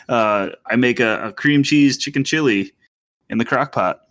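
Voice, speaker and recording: A man's voice: medium pitch, unhurried, a bit bright. A man co-hosting a casual podcast, rambling and hesitant, with lots of fillers and restarts. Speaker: podcast co-host. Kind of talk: casual chat.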